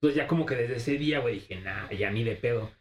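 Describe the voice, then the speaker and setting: A man's voice: mid-range voice, fast, echoey room. A young man with a Mexican Spanish accent telling a story in casual chat, full of slang, laughing often and acting out the voices of the people in it.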